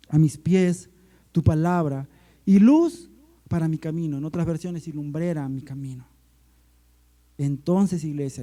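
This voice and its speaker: Middle-aged male pastor, sermon delivery, warm and somewhat high, emphatic stretched phrasing. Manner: preaching with surging emphasis and slowed, stretched phrases. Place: church service.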